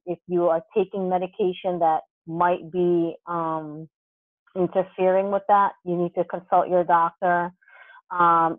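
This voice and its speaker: A woman's voice: lowish voice, no room sound. Woman sex coach on a tinny line. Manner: relaxed, thinking aloud with many fillers. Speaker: podcast co-host, certified sex coach. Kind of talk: casual podcast talk. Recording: thin phone-like sound.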